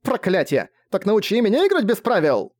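A man voicing a furious, tearful young woman mage who shouts in anguished outbursts while crying. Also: high voice, wildly swooping pitch, normal speed, pitched above the performer's own voice, exaggerated voice. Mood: tearful fury.

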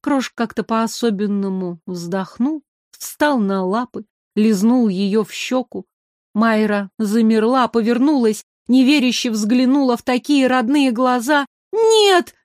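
Woman narrator, expressive audiobook reading, higher voice, dry close sound. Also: a little slow, dry recording. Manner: expressive storytelling.

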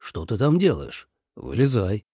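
A man voicing a self-assured male god of war who asks plain, blunt questions in a somewhat lowered voice in an audiobook. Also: huge pitch swings, measured pace, mellow, breathy edge, no echo, studio quality, full character voice.

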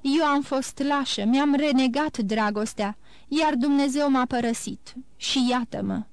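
High, smooth, grieving woman near forty full of self-reproach, read by a woman, dry audiobook sound. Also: no echo. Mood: sorrowful. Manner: sorrowful, self-reproaching pleading. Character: grieving guilt-ridden woman nearing forty. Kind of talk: audiobook character reading.

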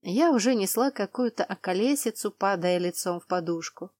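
A woman reads a first-person novel aloud, steady and measured, with a pitch in the usual middle range. The sound is dry and close, with no room around it. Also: no echo. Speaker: audiobook narrator.

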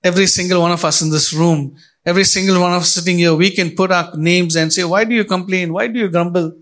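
A man's voice: high-pitched, steady tone, quick pace, fairly bright tone. A middle-aged male pastor preaching a sermon in church, speaking straight to the congregation with rising and falling emphasis.

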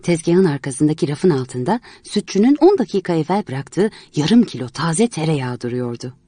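A woman reading a story aloud in a measured, expressive way. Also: low voice, husky, no echo. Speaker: narrator.

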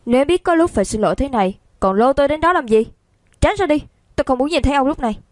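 A woman voicing an angry, pouting young man who snaps back quickly and fast. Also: medium pitch, little pitch movement, no room sound, close to an everyday voice. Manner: fast, snappy retorts.

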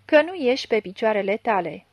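A woman's voice: fairly high pitch, expressive, dry recording. A woman reading a grumbling convict fortune-teller. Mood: grim. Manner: grumbling, curt. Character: gruff fortune-telling healer man, a convict.

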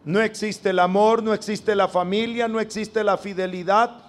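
A man's voice: high-pitched, steady tone, normal speed. A man preaching a sermon to a congregation, emphatic and drawn out, calling on them to repeat after him.

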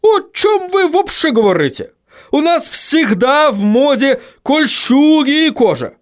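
Gruff dwarf printer, a man voicing him, high and slow, barking, audiobook figure. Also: big pitch swings, exaggerated voice. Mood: indignant. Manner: barking, exclaiming.

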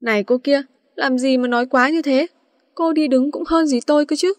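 A quarrelsome young man trades insults in a storybook tale, put on by a woman narrator. The voice sits high and sounds dry and close. His manner is mocking and brash. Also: normal speed, no room sound, lightly acted.

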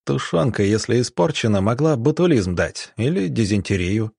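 A man voicing a calm, composed young country doctor speaking matter-of-factly. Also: mid-range voice, normal speed, vocal fry, no room sound, studio quality. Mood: urgent.

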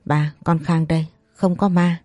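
The narrator voicing a calm, dutiful young son who speaks respectfully and reassuringly. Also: medium pitch, measured pace, no room sound, natural voice. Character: patient, dutiful grown son.

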